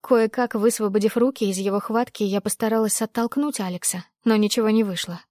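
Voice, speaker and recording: Woman reading a first-person audiobook, steady measured tone, dead dry close sound. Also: mid-range voice, no room sound. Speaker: audiobook narrator. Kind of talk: first-person scripted narration.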